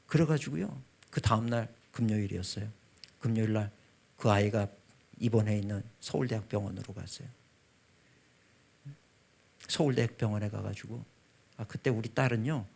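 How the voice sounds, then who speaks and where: A man in his fifties, a pastor, telling a personal testimony in a revival sermon with a husky voice, swinging from loud to hushed. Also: lowish voice. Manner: emotional storytelling, voice rising and dropping sharply.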